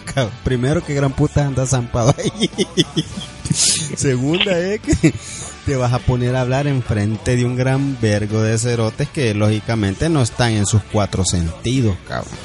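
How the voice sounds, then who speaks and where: Joking Salvadoran man, mid pitch. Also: animated, normal speed, a little mellow, faint music behind. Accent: Salvadoran Spanish. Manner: profane, joking commentary. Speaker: podcast co-host. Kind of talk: crude casual banter.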